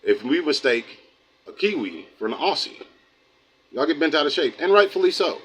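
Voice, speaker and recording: A middle-aged American man hosting a live stream, talking to his viewers in a loose, folksy, rambling way. He keeps sliding into preaching, and his voice sits at an ordinary middle pitch for a man. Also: expressive, moderate pace, fairly bright tone, slight background noise, rough recording. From United States. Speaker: host of a livestream channel. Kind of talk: casual livestream talk, reading chat.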